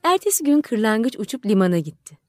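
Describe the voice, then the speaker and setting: High-voiced woman reading a fairy tale. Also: dry recording, soft background music. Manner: measured, expressive storytelling. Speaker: audiobook narrator. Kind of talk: scripted narration.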